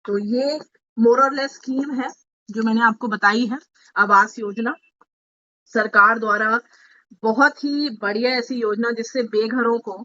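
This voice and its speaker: A woman's voice: on the high side, steady tone, a little slow, bright, forceful tone, muffled recording. A woman speaking to party members in an online meeting, explaining a scheme step by step, asking them to note things down and slipping in English terms. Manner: explanatory, asks listeners to take notes, mixes English terms. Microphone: video call.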